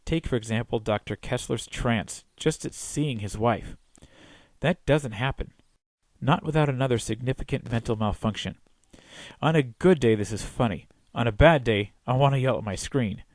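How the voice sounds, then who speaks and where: A man with a mid-pitched voice reads a scripted film review. His delivery is wry and opinionated, and the sound is very dry and close, with no room echo. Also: normal speed.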